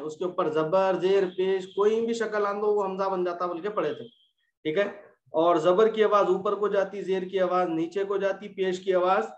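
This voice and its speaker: A high-voiced man leads an online recitation lesson, and he patiently drills the students with repeated questions. The recording has a roomy echo and a dull, lo-fi sound. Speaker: Quran recitation teacher. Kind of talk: online tajweed class. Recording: echoey room, dull lo-fi sound.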